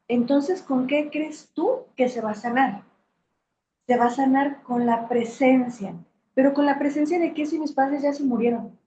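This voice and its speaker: A woman's voice: high-pitched, warm tone. A middle-aged woman gives a reflective talk on emotional healing, asking rhetorical questions and checking in with her audience. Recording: roomy, slightly dull sound with faint hiss.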